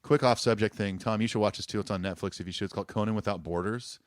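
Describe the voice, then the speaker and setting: A man's voice: fairly low pitch, fast. A man co-hosting a podcast, agreeable and chatty, often chiming in with affirmations. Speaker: podcast co-host. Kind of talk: casual chat.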